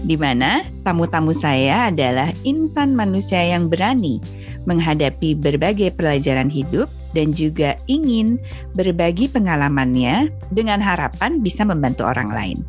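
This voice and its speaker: A woman hosting a podcast, introducing the episode in a calm, measured way. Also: lowish voice. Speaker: podcast host.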